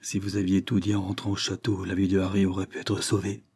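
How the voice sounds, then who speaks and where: Vieux lord sévère et réprobateur, lu par un homme. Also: male voice, fairly low pitch, fairly even intonation, fairly quick, dark tone, slightly rough. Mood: reproachful. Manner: stern, reproachful. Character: stern older lord, frowning and reproachful.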